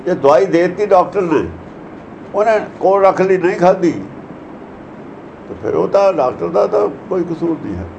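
A man's voice: sits high, lively intonation, moderate pace, creaky, long pauses, darkish tone, dull audio, slight background noise. A man giving a religious discourse that explains verses, lecturing earnestly and asking many rhetorical questions. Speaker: preacher.

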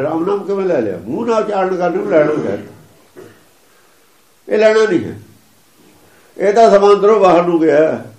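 A man preaches in a high voice, explaining scripture with emphasis. He chants and repeats the lines he quotes. The sound is roomy and echoing. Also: a little mellow. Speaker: religious preacher.

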